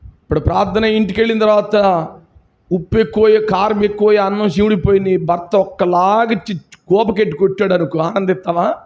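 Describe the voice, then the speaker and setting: A man's voice: fairly even intonation, a little fast, a little mellow, muffled recording. A male pastor with a Telugu accent, preaching a sermon and calling out to his congregation. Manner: preaching with big swings in pitch, calling out to the congregation.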